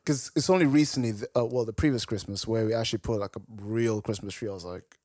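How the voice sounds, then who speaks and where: A man's voice: fairly low pitch, fast talker, darkish tone, no echo, clean studio sound. A young man with an urban London accent chatting casually as a podcast co-host, full of slang and repeated words. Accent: London, urban street slang. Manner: slangy, repeats himself in protest. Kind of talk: casual chat.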